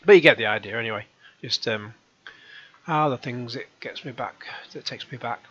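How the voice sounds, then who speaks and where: A middle-aged man hosting his own channel, reading out comments and answering them with sarcasm and rambling asides, his voice going hoarse. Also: mid-range voice, moderate pace, a bit bright, lo-fi sound. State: hoarse, coughing. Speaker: YouTube channel host.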